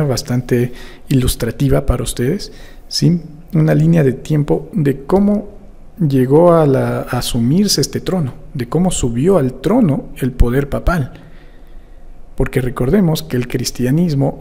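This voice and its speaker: A man with a gravelly, husky voice teaching a Bible prophecy lesson. He explains things step by step and keeps checking in with his listeners. His dark tone rings out in long reverb. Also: medium pitch.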